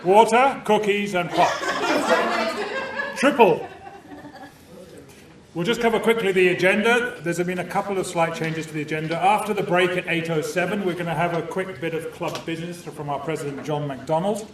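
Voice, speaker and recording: A new Canadian citizen hosts a club meeting, opening the evening with jokes and a safety talk in a cheerful, bantering, self-deprecating way. His voice sits high and moves at a moderate pace. The meeting room has a live audience, and the recording is echoey and noisy, with the mic far away.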